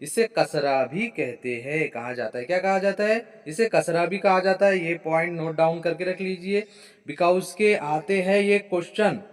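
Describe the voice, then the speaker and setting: A man's voice: high-pitched, a little slow. A man teaching an exam-prep grammar lesson. He repeats key points, keeps checking in with "ठीक है" and answers his own questions. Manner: repetitive, drilling with frequent "ठीक है" checks; asks a question then answers it himself.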